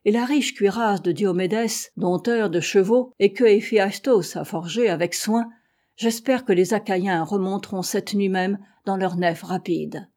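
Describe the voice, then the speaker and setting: A woman's voice: mid-range voice, measured pace, dark tone, natural voice. A woman reading the lines of a fierce, boastful male warrior chief in a taunting, commanding way.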